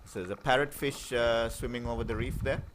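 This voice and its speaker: A man's voice: medium pitch, steady tone, brisk, slight background noise. A man from Sri Lanka, commenting on underwater footage of a live stream in an explanatory way, with many fillers and restarts. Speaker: marine life commentator.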